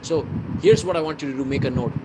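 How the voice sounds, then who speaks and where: The audio is very noisy as a fast-talking man from India with a medium-pitched voice and Indian accent mentors a live business webinar. Energetic and full of rhetorical questions, he reads chat replies aloud and switches into Hindi at times.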